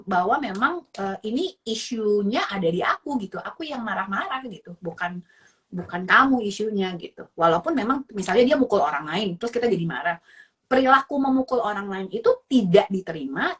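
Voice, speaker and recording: A woman's voice: medium pitch, a bit bright, slightly rough. A woman with an Indonesian accent giving casual parenting advice as a psychologist, mixing English phrases in and acting out parent and child lines.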